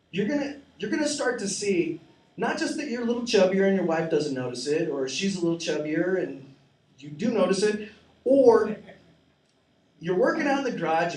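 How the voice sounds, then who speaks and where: Doing open-mic stand-up at a small cafe, this comedian in his forties wanders from bit to bit, profane and self-deprecating. He has a high-pitched, slightly mellow voice. The room echoes, and he is picked up from a distance.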